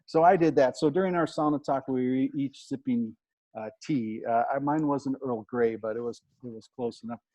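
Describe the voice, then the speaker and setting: A man's voice: medium pitch, moderate pace, mellow, low-quality recording. An American man hosting a podcast interview over a video call, talking effusively with many restarts. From United States. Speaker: podcast host.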